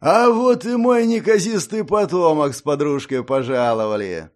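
A man doing a booming taunting old lord. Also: moderate pace, lightly acted. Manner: loud, thundering, taunting.

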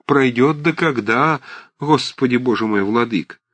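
A man's voice: medium pitch, unhurried, fairly bright tone, no echo, pitched above the performer's own voice. Man voicing a fussy, blunt old auntie. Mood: agitated. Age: older. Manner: agitated, scolding, emphatic. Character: fussy, blunt elderly aunt, warm-hearted. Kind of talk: audiobook character reading.

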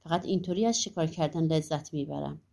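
A woman's voice: deep voice, vocal fry, mellow. A woman voicing a boastful grown man, a far-seeing marksman, in a storybook.

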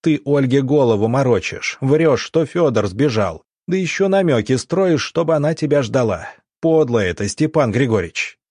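Guy voicing an angry righteous doctor, husky, dry close sound, snapping accusations. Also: mid-range voice, lively intonation, normal speed, a little mellow, no echo, lightly acted. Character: furious righteous male doctor.

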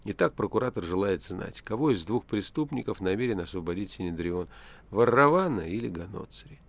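Low-voiced man narrating a novel. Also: animated, fairly quick, gravelly. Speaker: audiobook narrator. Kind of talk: scripted literary narration.

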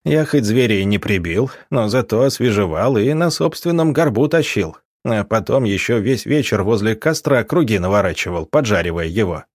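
A man voicing a gruff, mocking male captain who sneers at others in an audiobook. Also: on the low side, animated, moderate pace, hardly any pauses, no room sound, clean studio sound.

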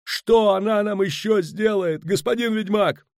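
A man voicing a panicking middle-aged ship's skipper who yells frantic orders. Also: high voice, unhurried, creaky, no room sound, studio quality, voice pushed up. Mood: desperate.

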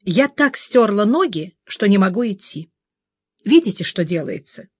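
A wry, tough woman detective who grumbles at herself and plays up her suffering, as a woman reading an audiobook puts her on. Her pitch moves a lot, and the sound is dry and close. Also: big pitch swings, measured pace, a little mellow, husky, dry recording. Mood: mock-embarrassed. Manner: wry inner monologue, mock-suffering. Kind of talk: audiobook character voice.

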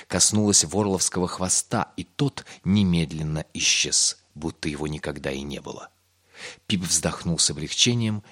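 A man narrating a fairy tale in a measured, expressive storytelling manner. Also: sits low, breathy edge.

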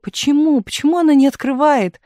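A reader voicing a tearful, excitable young actress Taisia, speaking in high, breathless exclamations in a dry studio recording. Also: moderate pace, no echo, lightly acted. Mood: alarmed.

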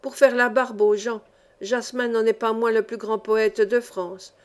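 A woman's voice: on the high side, natural voice. Chatty small-town barber, as a woman reader puts him on. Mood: enthusiastic. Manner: lively, boastful, quick to praise. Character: chatty grown man, a small-town barber and music teacher.

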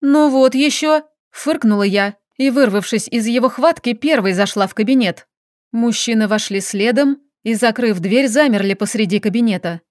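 A woman narrating a first-person romance audiobook in an expressive, dramatic reading. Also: medium pitch, normal speed, dry recording, clean studio sound.

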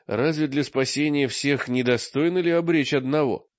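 A man's voice: medium pitch, moderate pace, no echo, close to an everyday voice. A man voicing an anxious, earnest young wise man who asks worried questions, recorded with a dull lo-fi sound.

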